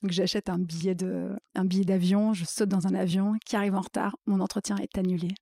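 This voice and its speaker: A woman's voice: medium pitch, little pitch movement, brisk, mellow. A woman guest in a casual interview, telling her career story with many fillers and acting out her own inner thoughts.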